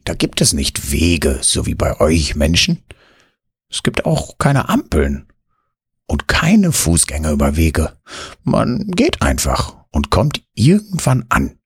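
A man voicing a gentle female talking cat who speaks in a soft, purring way in a bedtime story. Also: a bass voice, wildly swooping pitch, slow pace, husky, no echo, clean studio sound, heavily acted. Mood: calm.

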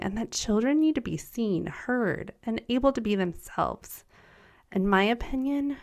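A medium-pitched, slightly bright female voice belongs to a podcast host in her forties, a native German speaker from the United States. Her scripted solo monologue sounds earnest, encouraging, and upbeat.

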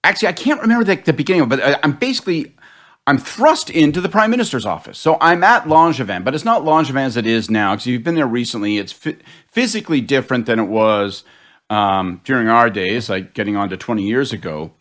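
A middle-aged man from Canada, a political panelist telling a story in casual chat, animated, self-deprecating and swearing freely. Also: medium pitch, quick pace. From Canada (Prince Edward County, Ontario).

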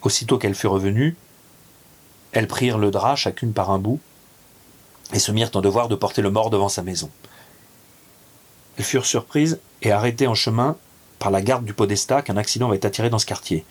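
A man narrating a classic tale in a measured, theatrical reading over music. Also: lowish voice, slightly rough.

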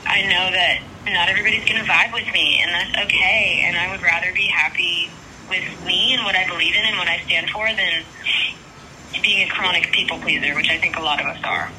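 A woman's voice: lowish voice, fairly quick, bright, forceful tone, a little hiss or hum, rough recording. Bubbly young woman, laughing guest. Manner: bubbly, laughs often, says like a lot. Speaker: country singer guest. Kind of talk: casual interview chat.

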